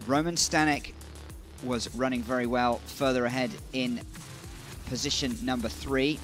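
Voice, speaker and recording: A man commentating on a motor race in a measured style, building emphasis on key moments. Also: medium pitch, steady tone, a bit bright, soft background music.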